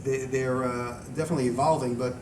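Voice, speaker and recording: A man gives an informal talk and answers questions in a conversational, meandering way, often restarting his thought. His voice sits at an average pitch and is picked up from a distance in a reverberant room, with clear noise behind him. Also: fairly even intonation, fast talker. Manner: conversational, rambling, self-interrupting. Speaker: video maker giving a talk and taking audience questions. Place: echoey room at a live event. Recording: echoey room, distant mic, noisy background.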